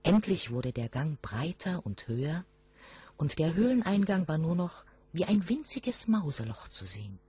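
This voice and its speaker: A woman narrating a German fairy tale in a slow, expressive storytelling manner. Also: deep voice, husky.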